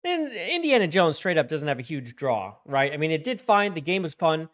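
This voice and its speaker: A man's voice: on the high side, very animated, normal speed, a bit bright. A man giving casual reaction commentary, speaking in an opinionated, scoffing manner.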